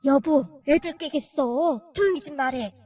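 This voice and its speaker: A woman voicing a worried older mother-in-law who speaks softly and with concern, over faint music. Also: high voice, unhurried, no room sound.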